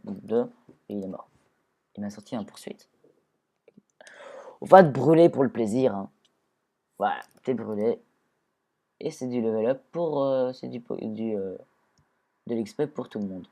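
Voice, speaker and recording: A man's voice: mid-range voice, expressive, a little slow, long pauses, dark tone. A man giving casual, rambling gameplay commentary, often restarting sentences and talking to the creatures in the game. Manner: rambling, self-correcting, talks to his creatures.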